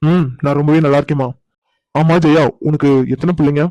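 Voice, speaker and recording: Man doing cartoon brothers, middle-aged, rapid flat delivery, pleading, remorseful. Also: fairly high pitch, dry recording, muffled recording, natural voice. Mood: warm. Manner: pleading, emotional. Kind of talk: cartoon voice acting.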